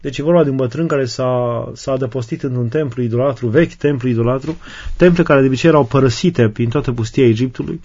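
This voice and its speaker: Male preacher, warm low-key delivery, explains readings with pauses, slightly muffled recording. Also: slightly rough. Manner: reads a passage, then retells and explains it with fillers and restarts. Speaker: Orthodox preacher. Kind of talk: sermon reading and explaining desert fathers' sayings.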